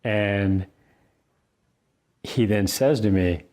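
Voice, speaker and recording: Reading his own book, a middle-aged man tells a personal story earnestly and conversationally, pausing thoughtfully. His voice sits on the low side with a darkish tone.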